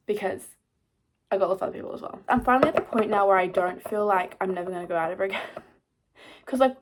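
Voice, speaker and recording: A woman's voice: medium pitch, a little hiss or hum. Rambling young woman vlogger. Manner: rambling, lots of fillers and self-mocking asides. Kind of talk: casual chat to camera.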